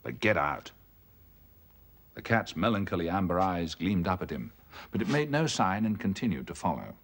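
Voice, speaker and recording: A man telling a ghost story in a measured, brooding delivery. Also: sits low, big pitch swings. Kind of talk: dramatic ghost story reading.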